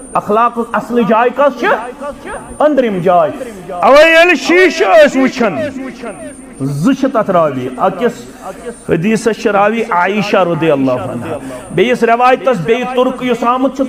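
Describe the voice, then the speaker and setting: A male preacher giving a sermon with emphatic oratory, jumping between loud high bursts and low asides. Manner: chants scripture verses slowly.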